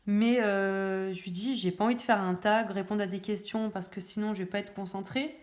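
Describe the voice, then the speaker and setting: Young woman, casual coloring vlog chat, mid pitch, hesitant and self-mocking, echoey home room. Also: fairly even intonation, moderate pace, a little mellow. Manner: hesitant, many fillers, self-mocking jokes. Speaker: coloring video creator.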